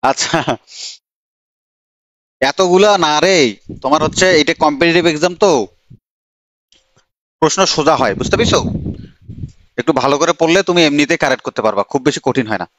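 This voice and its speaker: Young guy teaching online class, talks fast, teases students by name, kinda high voice. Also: a bit bright, dry recording. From Bangladesh. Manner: chatty, teasing, calls on students by name. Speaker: admission coaching teacher. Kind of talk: live online grammar class.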